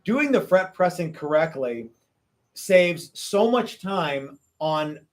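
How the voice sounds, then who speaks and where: Higher-voiced rambling man hosting a workshop. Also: lively intonation, takes it slowly. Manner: rambling, repeats words and restarts often. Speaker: guitar-building workshop instructor and host. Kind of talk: casual chat with students.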